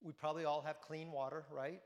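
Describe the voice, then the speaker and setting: Gravelly-voiced man preaching in a church. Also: fairly high pitch, little pitch movement, brisk, long reverb tail. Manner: conversational, repeats phrases, asks the congregation questions. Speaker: priest. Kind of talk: sermon.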